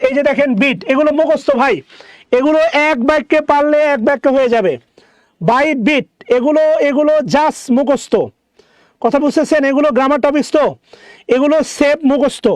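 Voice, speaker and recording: A man teaching a grammar lesson, explaining answers and repeating each word slowly for his students. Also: extremely high pitch, no room sound.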